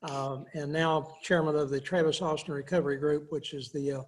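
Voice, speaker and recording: Man, slightly high voice, casual and jokey, video call guest introduction. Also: flat delivery, brisk. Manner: jokey, laughs between phrases.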